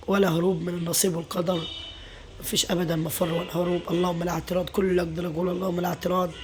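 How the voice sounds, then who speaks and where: A woman's voice: on the low side, slight background noise. A middle-aged Egyptian woman, a mother, confiding her worries in a casual vlog, weary and venting, full of pious phrases. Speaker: mother and home vlogger.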